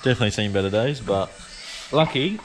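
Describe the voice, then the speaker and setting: A man's voice: lowish voice, lively intonation, fast talker, faint music behind. A man chatting in an offhand, slangy way while helping on a car build. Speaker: helper on a car build vlog. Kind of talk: casual chat. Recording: clearly noisy, clicking background.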